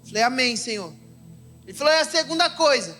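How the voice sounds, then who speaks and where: A young adult man with a Brazilian accent, an evangelist preaching an emotional sermon with personal testimony at a church service. He swings from loud exclaiming to soft confiding and keeps calling the listeners "irmão". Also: extremely high pitch, animated, brisk, faint music behind. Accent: Brazilian Portuguese.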